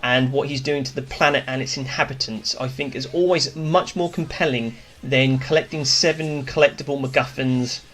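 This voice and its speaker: A man's voice: mid-range voice, fairly even intonation, normal speed, few pauses, a bit bright. A man hosting a casual cartoon review, talking through his opinions in a chatty, enthusiastic way. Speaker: host.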